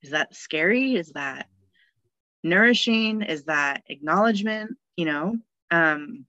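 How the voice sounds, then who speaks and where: A woman's voice: fairly low pitch, expressive, slow pace, sharp tone, no room sound, muffled recording. A woman, a death midwife talking in a casual podcast conversation, cheerful and full of fillers. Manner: chatty, cheerful, laughs often, many fillers.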